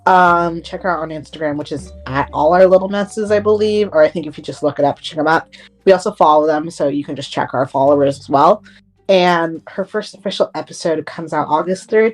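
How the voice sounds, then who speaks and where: Chatty young woman podcaster, lowish voice. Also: a little mellow. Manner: chatty, laughing, lots of "like" and "um". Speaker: podcast co-host. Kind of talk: casual chat.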